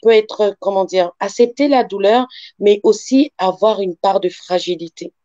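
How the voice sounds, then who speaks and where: A woman born in Africa and raised in France appears as a guest in an interview, working as a sophrologist and life coach. Her mid-range, dark-toned voice moves at normal speed as she explains things step by step, using examples and rephrasing. The recording is muffled, with no room sound.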